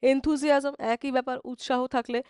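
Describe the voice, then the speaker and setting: A woman with a Bengali accent teaching English vocabulary in a live online exam-prep class. She explains in Bengali, often checks "ঠিক আছে?", and reads English definitions slowly. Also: high voice, flat delivery, darkish tone, smooth, no room sound, clean studio sound.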